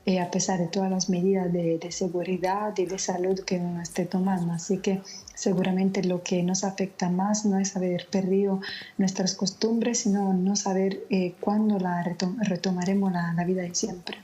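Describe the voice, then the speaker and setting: A woman from Naples with Italian as her first language, speaking slowly and in a measured way over a remote link, tired late at night. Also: on the low side, flat delivery, warm tone. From Naples, Italy. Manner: slow, measured, subdued. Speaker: correspondent. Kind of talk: remote news interview. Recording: lo-fi remote call line.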